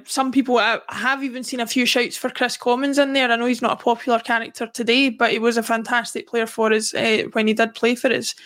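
A woman co-hosting a football podcast, talking in a casual, measured way. Her voice sits a little high for a woman. She weighs up players one by one, listing names steadily. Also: a bit bright. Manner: measured, runs through lists of players. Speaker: podcast co-host.

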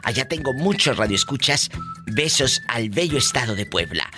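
A man's voice: mid-range voice, expressive, normal speed, music in the background. A man hosting a live call-in radio show in a theatrical, teasing way, full of campy catchphrases.

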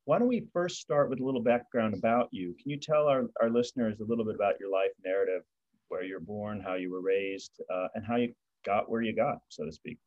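A man hosting an interview podcast, introducing his guest and asking questions in a friendly, measured way. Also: fairly low pitch, a little mellow, highs cut off. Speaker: podcast host.

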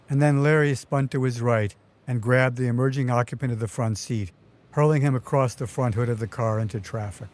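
A man's voice: medium pitch, a little mellow, no room sound. A man narrating his own memoir story in a vivid, wry storytelling manner. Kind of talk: first-person memoir narration.

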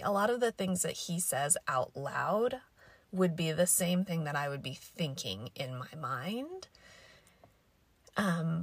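A young woman hosts a casual solo podcast, her voice raspy and scratchy from allergies. She talks low with a gravelly fry, thinking aloud and rambling with lots of fillers, in a fairly bright tone. The recording is dry and close, with no room sound or echo.

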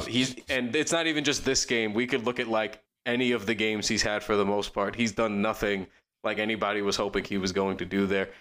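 A man co-hosting a podcast, talking casually about basketball in a quick, rambling way with lots of fillers and restarts. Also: on the low side, a bit bright. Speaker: podcast co-host. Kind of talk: casual sports chat.

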